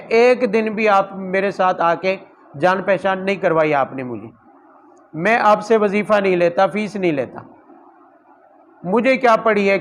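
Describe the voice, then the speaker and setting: A man delivers a Quran commentary sermon in a high-pitched voice. He talks to his listeners conversationally, asking rhetorical questions and telling stories from his own teaching. A faint hum of noise sits behind him. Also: fairly bright tone, poor audio.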